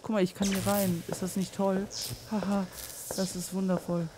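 A man's voice: high voice, flat delivery, normal speed, noisy background. Scared young man narrating a horror game. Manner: jittery, talks to himself, swings between loud outbursts and near-whispers; repeats phrases nervously. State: scared and tense. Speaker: let's play gamer.

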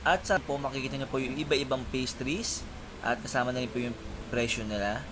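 A young man with a medium pitch and fairly even intonation talks a little fast as he politely, chattily leads viewers through a coffee shop in a casual vlog. He films on a handheld phone in a noisy cafe with air conditioning humming.

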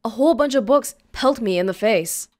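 A woman hosts a let's play, reading a visual novel aloud with playful, expressive, casual commentary. Her voice is a little high, and she talks a little fast.

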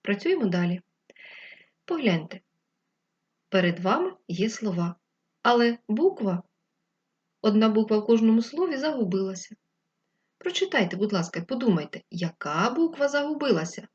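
A woman teacher giving a remote lesson to first graders, talking slowly and clearly to the children. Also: medium pitch, very animated, a little mellow, dull audio. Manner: slow, clear dictation addressed to children. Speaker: primary school teacher.

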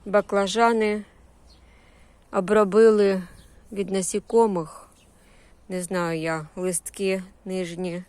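A woman with a Ukrainian accent and Russian-influenced surzhyk vocabulary walks through a vegetable garden and greenhouse, giving an unscripted, casual tour. She uses short, homely phrases rich in diminutives. Her medium-pitched voice is clear, resonant and a little mellow, with little pitch movement, a slow pace and long pauses, recorded without echo.

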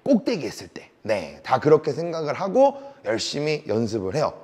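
A male table tennis coach runs an on-court lesson, his fairly high voice swinging widely in pitch. He heaps short praise on his student, counts the rhythm of the strokes aloud and teases her now and then. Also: wildly swooping pitch, a little fast, a little mellow.

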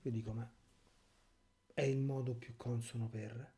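A man's voice: medium pitch, level tone, measured pace, mellow. A man, a priest, giving a catechesis sermon in an impassioned, rhetorical way with sarcastic asides.

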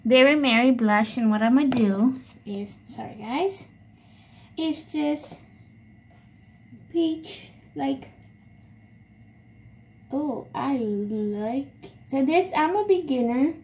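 A young beauty vlogger with a high, darkish voice takes it slowly and pauses often while hesitantly narrating her makeup tutorial, repeating herself as she goes. She's in a small room at home, filmed on a phone propped at arm's length, and faint background noise comes through.

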